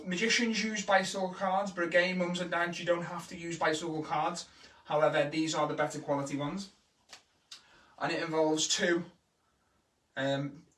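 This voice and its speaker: A high-voiced man from Liverpool, England, with a Scouse accent, teaches magic tricks as a kids' entertainer in a casual live-stream tutorial. He's chatty and encouraging and speeds up when excited, recorded at a distance in a room with a roomy echo.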